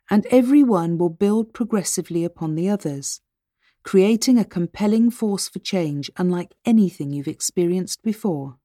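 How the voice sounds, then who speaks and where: A woman reading a scripted hypnosis narration as presenter, with measured, deliberate phrasing that speaks directly to the listener. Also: mid-range voice, dark tone, no room sound, studio quality.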